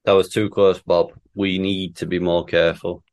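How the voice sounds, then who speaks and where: Man playing an earnest, gravelly space hero. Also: sits low, flat delivery, normal speed, a little mellow, voice pushed down. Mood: relieved, wary. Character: earnest male space hero, anxious but resolute.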